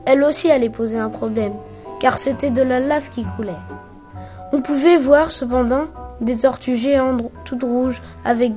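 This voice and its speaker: A woman with a fairly high but mellow voice reads a children's adventure story aloud. Her narration is lively and brisk, and soft music plays faintly underneath.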